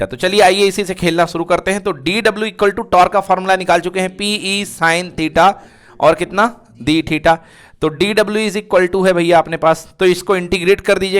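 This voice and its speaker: A male physics teacher runs a fast revision lesson in a call-and-response rhythm, asking a question and then supplying the answer himself. His voice sits high and rings clear and smooth. He drills the key terms again and again in a colloquial way. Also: a bit bright.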